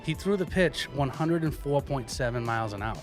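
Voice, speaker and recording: Male podcast host, mid-pitched, casual sports banter, light music bed. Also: expressive, fairly quick. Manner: jokey, informal.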